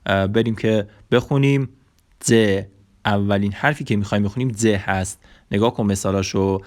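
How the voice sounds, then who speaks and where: A man with a fairly low voice teaches an online language lesson. He spells out example words slowly and with care, with plain explanations and a few fillers between them. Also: fairly even intonation, a little mellow. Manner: slow, carefully spelled-out word examples with fillers.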